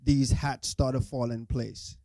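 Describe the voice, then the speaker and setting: A man's voice: medium pitch, steady tone, a little slow, vocal fry, dark tone, dry recording. A man hosting a podcast interview, speaking hesitantly with many fillers and restarts. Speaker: podcast host. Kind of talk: casual interview.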